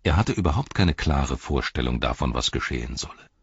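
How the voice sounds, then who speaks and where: Very deep, husky male narrator. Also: no echo, dull audio. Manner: calm, measured reading. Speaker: audiobook narrator. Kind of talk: scripted narration.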